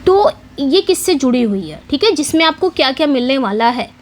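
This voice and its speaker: Woman teacher with a high voice, exam-prep lecture, quiz-style questions and repetition. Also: sing-song. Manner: explains in Hindi mixing English terms, repeats key points with quiz questions; reads English question text slowly. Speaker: English literature teacher.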